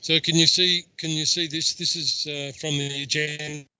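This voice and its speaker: A man's voice: fairly high pitch, little pitch movement, bright, forceful tone, clean tone, dry recording, rough recording. A man making a formal, methodical submission over a video call, his audio breaking up as he struggles to share his screen. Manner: methodical, indignant, halting restarts. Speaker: submitter addressing council.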